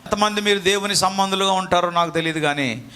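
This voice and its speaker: A man's voice: sits high, fast talker, pushed and bright. A man preaching a sermon as pastor, calling on the congregation to answer and scolding them in asides.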